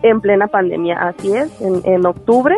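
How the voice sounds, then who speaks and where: A woman chef from Tamaulipas, talking about her life in a relaxed, conversational way. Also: mid-range voice, moderate pace, faint music behind. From Tamaulipas, Mexico. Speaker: chef and restaurant owner.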